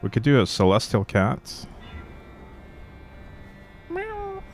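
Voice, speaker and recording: A man streaming a game live, giving relaxed, playful commentary and explaining things as he plays. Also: fairly low pitch, moderate pace. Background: game music.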